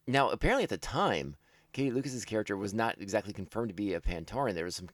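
A man's voice: sits low, no room sound, studio quality. A man hosting a casual podcast commentary, rambling with frequent restarts and self-corrections, enthusiastic and laughing at himself.

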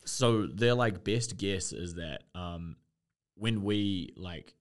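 A man's voice: deep voice, takes it slowly, clear, resonant tone. A man chatting loosely as a podcast co-host, rambling with lots of fillers and swearing. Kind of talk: casual chat.

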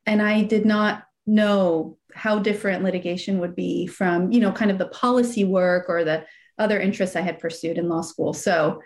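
Her voice sits at medium pitch, steady and normally paced. As a casual interview guest, the woman, born in Iran and running a nonprofit as executive director, shares her story in a warm, reflective way, sprinkled with gentle laughs and fillers.

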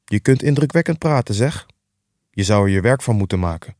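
A man voicing a grumpy, stingy old miser in an audiobook reading, with a curt, gruff and dismissive delivery. The recording is dry and close. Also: on the low side, lively intonation, fairly quick, a little mellow, no room sound, close to an everyday voice. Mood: scornful.

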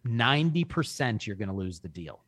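A man in his early forties, talking in a casual podcast chat with an emphatic, energetic salesman's delivery. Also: on the low side, fairly quick, breathy edge, no room sound. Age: 40s. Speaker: guest.

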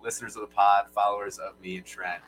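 A man's voice: on the low side, flat delivery, fast, fairly bright tone, faint music behind, rough recording. A young man from Michigan co-hosting a casual sports podcast, with an upbeat, hype-man delivery. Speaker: podcast co-host.

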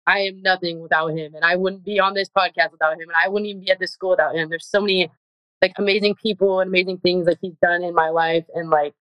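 Young woman, college athlete guest, low-ish smooth voice, dry close sound, earnest and chatty. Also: fairly even intonation, quick pace, fairly bright tone, no room sound, low-quality recording. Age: young adult. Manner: earnest, heavy use of "like", gets emotional. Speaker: college softball player guest. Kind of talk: casual interview chat.

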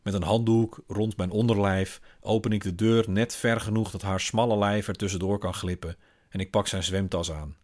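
A man, a father, reading a first-person literary story in a calm, wry, observant manner. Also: on the low side, normal speed. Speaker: father and narrator.

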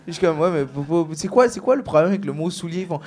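A man's voice: fairly high pitch, racing. A man with a Québécois French accent who learned the language as a newcomer, telling stories in a casual podcast chat and acting out the people he quotes. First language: not French. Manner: animated storytelling, acting out quoted voices. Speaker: comedian guest.

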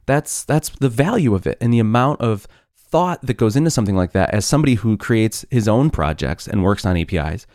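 A man's voice: fairly low pitch, animated, brisk, darkish tone, no room sound, clean studio sound. A young adult man hosting a casual solo podcast in his groggy morning voice, opinionated and rambling with plenty of fillers. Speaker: podcast host.

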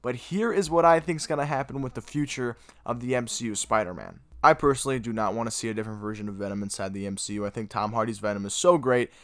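A young man hosting a podcast, reviewing a movie in casual chat, excitable and gushing, with lots of filler words. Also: mid-range voice, fast talker, hardly any pauses, dry recording. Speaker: podcast host.

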